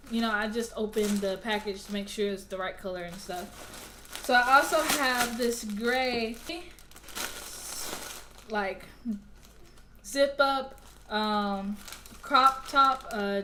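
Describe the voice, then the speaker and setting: A chatty young woman from Alabama, talking with a fairly high voice. She rambles through a casual vlog straight to her viewers, with a faint hiss behind her. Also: sharp tone. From Alabama, US South. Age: young adult. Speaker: vlogger.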